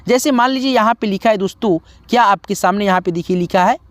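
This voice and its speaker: A man's voice: high-pitched, fast talker, a bit bright, no room sound. A man teaching Hindi as a video lesson, reciting syllables one at a time and coaxing viewers to practice. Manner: chants syllables one by one, then coaxing and repetitive asides.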